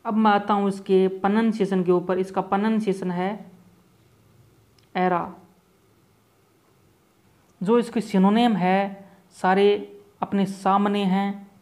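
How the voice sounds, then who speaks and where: With a high-sitting, somewhat dark voice that barely changes pitch, a man explains vocabulary for exam preparation. He goes slowly through each word, repeats himself, and weaves English terms into Hindi.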